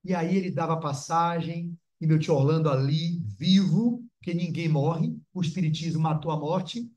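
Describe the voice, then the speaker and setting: A man giving a spiritist lecture, telling a personal story in an animated, theatrical way and acting out voices. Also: on the high side, normal speed. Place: spiritist center meeting hall.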